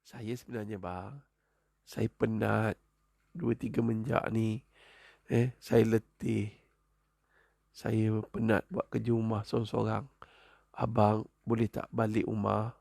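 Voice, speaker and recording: A hushed, timid young wife, as a preacher puts her on speaks with a gravelly edge and dips lower than his own voice. She is tired and pleading, and her words come out halting and soft. The sound is close and dry. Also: completely flat delivery, no room sound, exaggerated voice. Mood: weary pleading.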